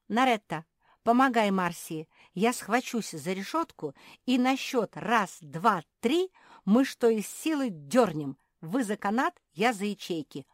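A woman's voice: mid-range voice, sing-song, a little slow, no echo, clean studio sound, voice pushed up. A woman voicing a brave, bossy young female pet animal in a storybook, giving orders eagerly. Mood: bold. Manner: commanding, eager.

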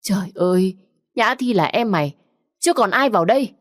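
A woman's voice: mid-range voice, animated, moderate pace, no echo, studio quality, pitched above the performer's own voice, close to an everyday voice. A woman reading a story aloud, voicing a middle-aged mother who scolds in an exasperated, raised voice. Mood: scolding.

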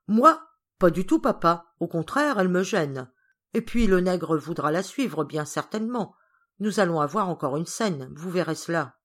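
A woman's voice: fairly low pitch, expressive, moderate pace. Woman voicing an eager, spoiled boy. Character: spoiled excitable young boy.

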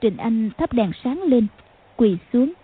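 A woman narrating a martial arts novel as an audiobook, with a steady, measured reading. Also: a little high, husky. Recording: phone-like lo-fi sound.

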